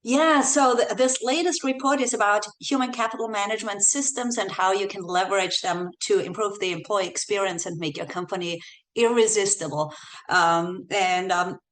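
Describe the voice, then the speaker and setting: An Austrian woman with an Austrian accent, a guest researcher, explains a report in a podcast interview from her Bay Area home office, using frequent ums and uhs. Her voice is medium-pitched and fairly bright, at normal speed.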